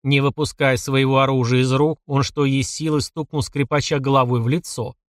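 A man reading a story aloud in expressive scripted narration. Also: mid-range voice, normal speed, no echo, clean studio sound. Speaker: audiobook narrator.

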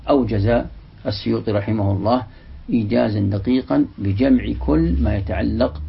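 A man giving a religious lesson, reading a passage from a classical text and then explaining it slowly, repeating the example words. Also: lowish voice, creaky, a little hiss or hum. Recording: dull, lo-fi lecture recording.

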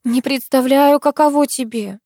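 A woman's voice: high voice, moderate pace, no room sound, clean studio sound, pitched above the performer's own voice. Lyuba: a woman doing a sugary scheming young woman. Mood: sugary, scolding. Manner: bright, coaxing, sugary. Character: sweetly scheming young woman, fake fiancée. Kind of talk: audiobook reading.

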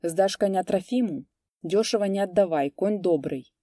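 A woman voicing a gruff, spiteful male peasant horse thief who speaks curtly and mockingly. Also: mid-range voice, normal speed, warm tone, no echo, clean studio sound, close to an everyday voice. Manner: husky, curt and mocking.

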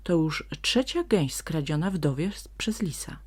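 A woman voicing a calm, wily male donkey who speaks steadily and firmly while pretending to threaten. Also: deep voice, measured pace, husky, exaggerated voice. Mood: concerned. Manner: steady and firm, feigning menace.

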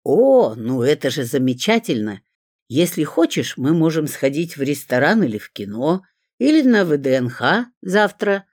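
Чтица в роли оживлённого дружелюбного мужчины-пианиста. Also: male voice, fairly high pitch, sing-song, normal speed, darkish tone, no echo, clean studio sound. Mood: eager. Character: friendly male pianist friend, businesslike.

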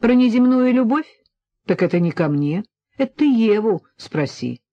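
A woman's voice: fairly high pitch, expressive, normal speed, dark tone, dry recording, pitched above the performer's own voice. A woman doing a breezy dismissive young artist. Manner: offhand, dismissive. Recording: dull lo-fi recording.

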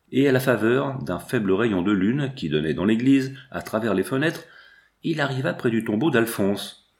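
Guy narrating an old novel, measured and formal, mid pitch. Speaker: audiobook reader. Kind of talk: scripted narration of a classic novel.

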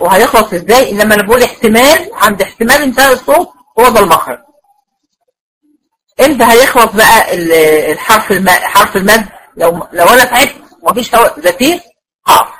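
Her husky, medium-pitched voice is a bit bright as she teaches tajweed to a class of women. The Egyptian Quran recitation teacher, whose accent is Egyptian Arabic, breaks each point into steps and frequently checks her students understand. Audio quality is low.

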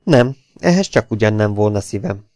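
A man reading aloud, voicing a coolly menacing gangster who speaks with smooth, mocking courtesy. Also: fairly low pitch, expressive, a little mellow, no room sound, studio quality, lightly acted. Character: mock-polite adult male gangster, cool and menacing.

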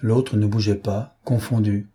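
A male audiobook narrator with a low, husky voice, reading in a slow, measured way. His tone is dark and mellow throughout. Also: steady tone. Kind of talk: scripted narration.

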